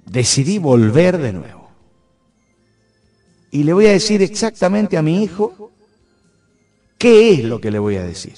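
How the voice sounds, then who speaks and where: A man's voice: a little high, big pitch swings, measured pace, long pauses. A middle-aged man with an Argentine accent from San Juan, telling a story and then reflecting on it in an earnest, hesitant way, often restarting his sentences. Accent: Argentine Spanish, Cuyo (San Juan). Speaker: radio host. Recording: soft music underneath. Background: faint music.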